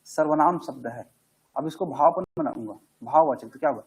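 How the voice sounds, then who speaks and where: A man teaches a grammar class. His voice sits high for a man and has a husky edge. He keeps it conversational, putting questions to the class and answering them himself. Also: a little fast, poor audio.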